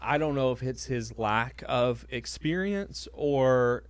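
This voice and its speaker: Soft-spoken man recounting a conference. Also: medium pitch, expressive, slow, smooth, no echo. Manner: hesitant, many fillers and restarts, self-deprecating. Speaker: pastor. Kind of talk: casual conversational storytelling.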